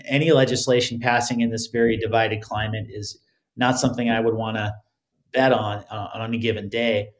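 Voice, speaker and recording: A man giving considered interview answers as a guest, often halting and repeating words as he starts phrases. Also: fairly low pitch, flat delivery. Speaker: podcast guest, crypto legal expert.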